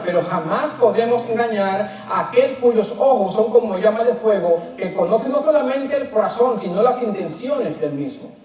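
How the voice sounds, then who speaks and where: A man's voice: high-pitched, darkish tone. A man preaching a sermon, emphatic, putting rhetorical questions to the congregation. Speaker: pastor. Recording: very echoey church hall, mic at a distance.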